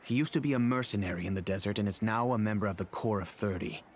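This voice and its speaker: An actor playing a polite, remorseful middle-aged father in a video game, speaking in a measured, earnest, formal way. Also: on the low side, a little hiss or hum, natural voice. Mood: earnest, helpful. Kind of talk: scripted video game dialogue.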